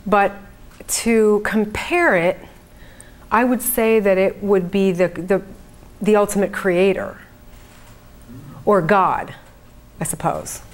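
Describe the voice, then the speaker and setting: This channeler's medium-pitched voice is fairly even, slow and frequently paused. Leading a group event in trance, she talks informally to the audience in an earnest, conversational way.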